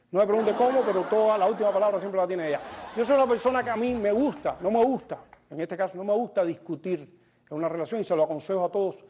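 Man, comedian host, fairly high voice, chatty stand-up jokes. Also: darkish tone. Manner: joking, addresses audience directly. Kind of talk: stand-up monologue.

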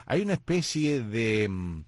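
A man's voice: lowish voice, big pitch swings, a little slow, no echo. A man, co-hosting a casual chat and explaining things with jokes. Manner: joking, explanatory. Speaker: co-host.

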